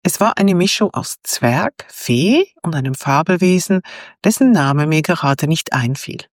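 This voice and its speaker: A woman narrating a first-person story in a calm, measured and reflective way. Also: low voice, dry recording, clean studio sound.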